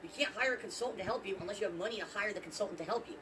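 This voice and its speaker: A man's voice: sits high, racing, recorded from a distance, noisy background. A man streaming live, talking defensively. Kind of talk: livestream talk.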